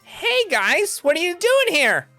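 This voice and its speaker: A man's voice: extremely high pitch, very animated, takes it slowly, pushed and bright, clean tone, dry recording, faint music behind, pitched above the performer's own voice, exaggerated voice. A man voicing a meek, nice male server playing a rhyming serving wench in tabletop role-play, with hesitant sing-song calls. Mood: awkward, eager.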